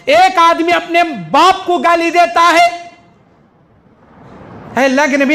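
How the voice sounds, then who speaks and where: A man delivers a mosque sermon in a high, bright-pitched voice. He speaks emphatically, hammering points through repetition and briefly acting out the people he quotes. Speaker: preacher.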